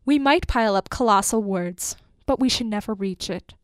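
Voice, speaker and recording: A woman's voice: mid-range voice, no room sound. Woman reading a story, dry and close. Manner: measured and expressive, lingering on lists. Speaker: narrator.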